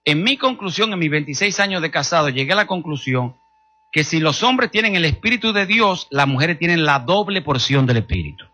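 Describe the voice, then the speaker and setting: A middle-aged man from the Dominican Republic preaches in a Dominican accent, his voice pitched high with a very sharp, forceful punch. A husky grain runs through his delivery. He tells humorous stories and speaks straight to his congregation. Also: very animated, fairly quick. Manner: humorous, storytelling, addressing the congregation directly. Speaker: pastor. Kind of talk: sermon.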